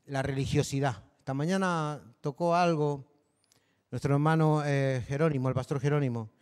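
A man with a Canary Islands accent preaching a sermon, his voice pitched high for a man. He talks to the congregation in a loose, conversational way, full of questions tossed back at them. The sound carries a long hall reverb. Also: steady tone, normal speed, darkish tone, clear, resonant tone. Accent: Canary Islands Spanish. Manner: conversational preaching, peppered with rhetorical tags. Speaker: pastor.

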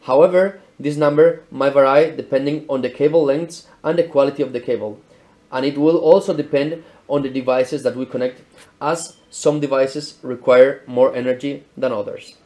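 Filmed in an indoor showroom on a camera mic set at medium distance, this product presenter is a Spanish man in his thirties. His mid-range voice has a steady, darkish tone and a normal speed, and his scripted delivery is careful and explanatory.

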